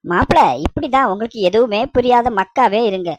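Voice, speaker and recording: A woman's voice: fairly high pitch, a little fast, slight background noise, lightly acted. A woman voicing a talkative, scheming middle-aged mother-in-law in a cartoon, coaxing and fussy. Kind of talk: cartoon voice acting.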